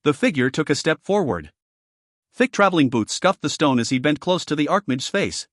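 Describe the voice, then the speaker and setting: A man reading a fantasy audiobook aloud as narrator, telling the story in a steady, measured way. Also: on the high side, no room sound, studio quality.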